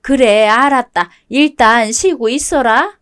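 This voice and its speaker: Lady doing a fussy mother-in-law, motherly, scolds a bit, higher voice, radio drama. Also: unhurried, fairly bright tone, clean tone. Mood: concerned. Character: worried older mother-in-law, stern but kind. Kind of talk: web-toon radio drama reading.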